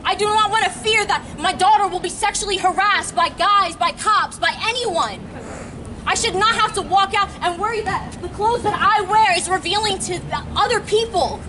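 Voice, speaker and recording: A teenage girl from New York giving an earnest, emphatic protest speech outdoors, sometimes pausing and restarting mid-sentence. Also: extremely high pitch. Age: late teens. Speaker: student rally speaker. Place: outdoor plaza at a street rally. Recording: distant outdoor mic, crowd and traffic noise. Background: crowd cheering, traffic.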